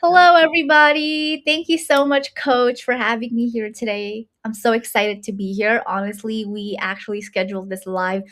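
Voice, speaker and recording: A woman's voice: fairly high pitch, little pitch movement, normal speed, hardly any pauses, a bit bright. Bubbly twenty-year-old woman from Nepal. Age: 20s. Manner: bubbly, chatty with many fillers. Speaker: guest, university student. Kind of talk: casual interview chat.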